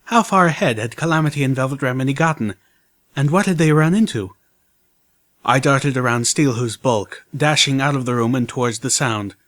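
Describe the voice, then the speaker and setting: A man narrating a fan fiction audiobook in the first person, with steady storytelling. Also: medium pitch, moderate pace.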